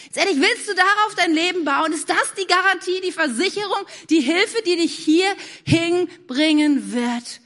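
A woman preaching a sermon, moving between animated questions and hushed, soft-spoken passages. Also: very high-pitched, normal speed.

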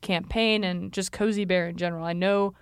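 Playful woman hosting a podcast, lowish voice, jokes around, dry sound. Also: fairly even intonation, a little fast, clean tone, dry recording. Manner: playful, jokey, laughs a lot. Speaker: podcast host. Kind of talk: casual podcast chat.

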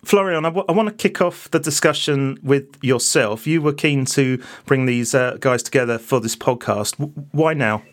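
A man hosting a podcast, reading a scripted introduction and then asking his guests questions in a clear presenter manner. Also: mid-range voice, normal speed, hardly any pauses. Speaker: podcast host.

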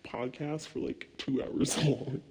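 A man's voice: medium pitch, slow pace, breathy edge, low-quality recording. A young man co-hosting a casual late-night podcast, telling rambling stories full of swearing. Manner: rambling, swears a lot, animated storytelling. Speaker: podcast co-host.

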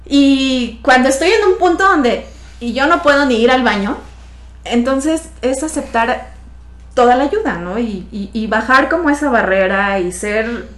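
A woman with a Mexican accent, a podcast guest telling her story in a lively, casual way, often laughing and acting out the voices of people she quotes. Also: on the high side. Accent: Mexican Spanish. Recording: echoey room sound.

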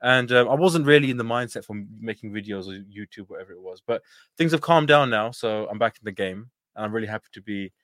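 A man's voice: fairly low pitch, fast talker, fairly bright tone, no echo. A man talking casually as a podcast guest, repeating and rephrasing as he goes and acting out bits of what people said. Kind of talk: casual conversation.

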